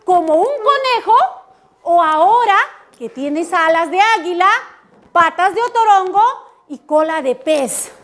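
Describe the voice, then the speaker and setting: A woman's voice: extremely high pitch, lively intonation, unhurried, a little hiss or hum. A woman voicing a fussy but kindly storybook witch who chides and questions. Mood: stern. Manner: chiding, questioning.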